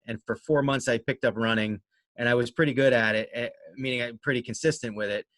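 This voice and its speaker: A man talks casually as an interview guest, at a middling pitch. He rambles along in a conversational way and is modest and self-deprecating about himself. The sound is dry, with little room in it. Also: steady tone, fast talker, a bit bright, dry recording. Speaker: interview guest, amateur runner and race organizer.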